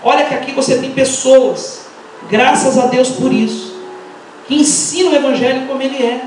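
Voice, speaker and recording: A middle-aged woman with a Brazilian accent preaching an impassioned Pentecostal sermon, firing rhetorical questions and breaking into shouts. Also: high voice, moderate pace, faint music behind. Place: large church hall. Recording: echoey church hall, mic far off.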